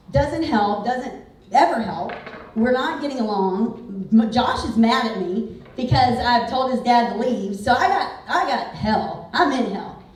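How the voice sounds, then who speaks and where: A woman's voice: on the high side, a little mellow, recorded from a distance. A woman, giving a candid, conversational motivational talk to an audience. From Houston, Texas. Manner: candid, conversational, frequent "like" fillers. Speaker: real estate speaker. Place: large event hall. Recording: very echoey hall, picked up from afar.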